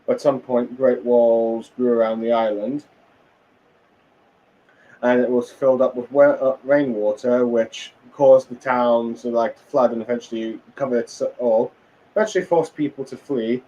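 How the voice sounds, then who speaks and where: A man's voice: medium pitch, steady tone, measured pace, dark tone, muffled recording, slight background noise. A tired man casually recapping a comic chapter, rambling with many fillers and restarts. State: tired, yawning. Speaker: manga reviewer.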